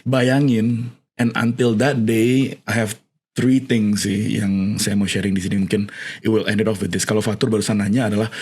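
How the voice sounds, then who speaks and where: A man's voice: fairly low pitch, breathy edge. A man talking as a podcast guest, telling stories and giving advice, often dropping English phrases into his speech and laughing as he goes. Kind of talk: conversational storytelling and advice.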